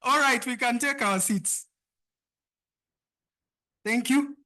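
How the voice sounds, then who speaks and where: A woman hosting a live pitch competition, exhorting the audience and repeating her instructions. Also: slow, bright, forceful tone. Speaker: event host and emcee. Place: live event before an audience.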